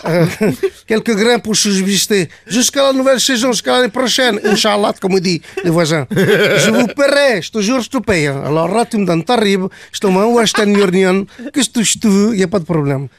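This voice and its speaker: A man's voice: sits high, lively intonation, moderate pace, dry recording. Man doing a rambling Portuguese-accented cicada. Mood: rambling comic. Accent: put-on Portuguese accent. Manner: rambling, mangled French, joking asides. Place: radio studio.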